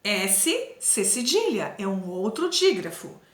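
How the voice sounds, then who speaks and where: A woman teaching a primary school class, explaining slowly and carefully and repeating sounds for children. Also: mid-range voice, very animated, reverberant.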